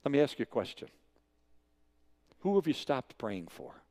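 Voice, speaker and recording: A man's voice: mid-range voice, normal speed. A man in his sixties preaching a sermon, telling stories with emphatic, repeated phrases. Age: 60s. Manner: animated storytelling with emphatic repetition. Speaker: guest preacher.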